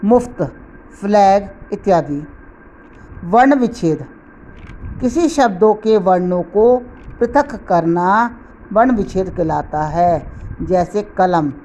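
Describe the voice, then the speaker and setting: A middle-aged woman teacher giving a school grammar lesson, speaking deliberately and spelling out letters and examples one by one. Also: medium pitch, lively intonation, warm tone, slight background noise.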